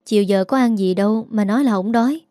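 A woman with a Southern Vietnamese accent voicing a gentle middle-aged aunt who falters and stammers when pressed. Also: mid-range voice, fast talker, dry recording, clean studio sound, close to an everyday voice. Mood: caring.

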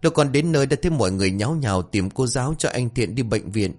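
A man's voice: medium pitch, lively intonation, fast talker, darkish tone, pitched above the performer's own voice, close to an everyday voice. A man voicing a frightened young boy in a read-aloud family story, stammering as he answers. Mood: scared.

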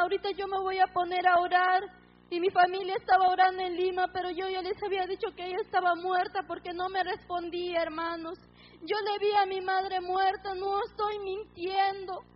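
A woman giving a fervent, tearful church testimony, calling out praises as she speaks. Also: very high-pitched. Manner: tearful, fervent, calls out hallelujahs. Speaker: testimony giver. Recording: muffled lo-fi recording with faint hum.

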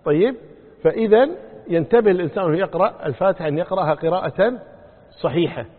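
Husky sheikh, tinny hall recording. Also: male voice, high voice, expressive, fast talker. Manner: explains patiently, repeats key points, quizzes listeners. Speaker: sheikh answering religious questions. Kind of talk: religious lesson and fatwa answers.

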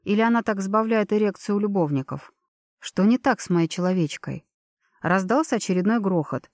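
A woman's voice: medium pitch, animated, normal speed, darkish tone, no room sound. Woman narrating an audiobook, dry close sound. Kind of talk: scripted narration.

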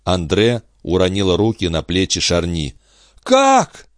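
A man reading a classic novel aloud as measured, even audiobook narration. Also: low voice, no room sound, studio quality. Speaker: audiobook reader.

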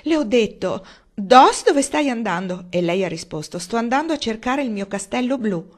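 Woman reading as a shrill, fretful older mother, pitched well above her narration. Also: expressive, moderate pace. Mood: distraught. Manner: agitated and high-strung.

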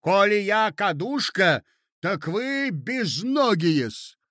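A man voicing a shrill, spiteful provincial lady who shrieks indignantly. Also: expressive, takes it slowly, a bit bright, no echo, clean studio sound, heavily acted. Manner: shrieking, indignant, adds a servile '-s' to words.

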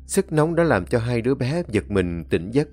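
A man narrating a scripted story in a measured, even way. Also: mid-range voice, soft background music.

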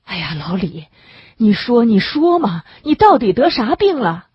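A woman's voice: lowish voice, sing-song, moderate pace, breathy edge, no room sound, heavily acted. A woman voicing a worried male camp team leader who coaxes and reassures a sick friend. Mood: coaxing. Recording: dull lo-fi recording.

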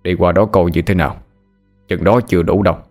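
Calm, knowing old grandfather, deep voice, voiced by a male storyteller. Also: fairly quick, faint music behind. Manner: calm, reassuring. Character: calm wise old grandfather, a spirit ward-maker.

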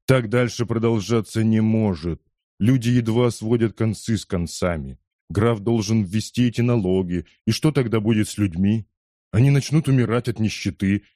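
A man voicing a persuasive conspirator in an audiobook, steady and insistent as he urges. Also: on the low side, no room sound, clean studio sound, natural voice. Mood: urging. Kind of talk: audiobook character voice.

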